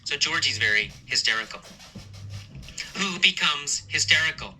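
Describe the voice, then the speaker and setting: A man with a bright, sharp and fairly high voice leads a question-and-answer story lesson. He repeats each point and stresses the key words as he goes. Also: expressive, low-quality recording. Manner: slow, repetitive, emphatic questioning. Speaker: English teacher.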